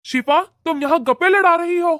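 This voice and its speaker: Irritable young husband. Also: female voice, very high voice, fairly quick, fairly bright tone, no room sound. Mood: scolding. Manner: scolding, irritable. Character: young married son, sharp-tempered.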